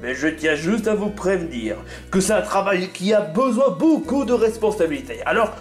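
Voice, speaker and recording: A woman voicing a scheming, bossy male fast-food boss in an amateur cartoon dub, halting and full of hesitations. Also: on the low side, big pitch swings, faint music behind, pitched below the performer's own voice. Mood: stern.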